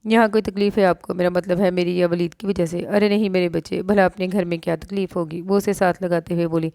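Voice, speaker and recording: Low-voiced woman narrating a romance novel. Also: fairly even intonation, fairly quick, dark tone, dry recording. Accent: Pakistani Urdu. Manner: reads all characters in her own voice, lifting pitch for dialogue.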